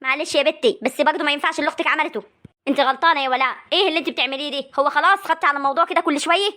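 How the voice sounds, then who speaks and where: A woman's voice: sits high, bright, forceful tone. A woman with an Egyptian accent playing an older village mother in a comic family drama, scolding and trying to make peace. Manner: chiding, soothing, fast talk. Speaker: mother and aunt in a family feud.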